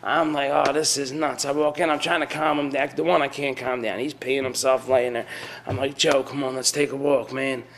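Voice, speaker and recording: A man's voice: mid-range voice, flat delivery, normal speed, gravelly, fairly bright tone, slight background noise. A young man rambling through a casual rant, repeating himself and tossing in "you know what I mean.". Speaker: storyteller.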